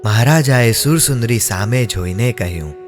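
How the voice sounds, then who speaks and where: A man narrating a devotional drama in a measured, solemn storytelling manner. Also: medium pitch, lively intonation. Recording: long reverb, music underneath.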